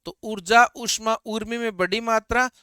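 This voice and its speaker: Male Hindi tutor with a Rajasthani accent, exam-prep style: pitched high, crisp delivery, repeats words with call-and-answer drills. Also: fairly even intonation, normal speed, pushed and bright, dry recording, clean studio sound. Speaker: Hindi grammar teacher. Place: coaching academy recording.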